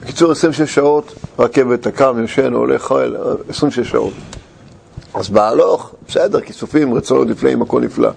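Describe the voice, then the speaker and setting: A middle-aged man telling a personal anecdote in casual talk. He is animated and laughs through his story, but halts often, restarting and searching for words. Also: mid-range voice, creaky, a little hiss or hum.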